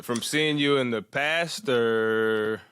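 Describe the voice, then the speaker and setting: A man's voice: medium pitch, slow, fairly bright tone, clear, resonant tone, dry recording. A man interviewing in a casual, agreeable way, affirming what his guest says.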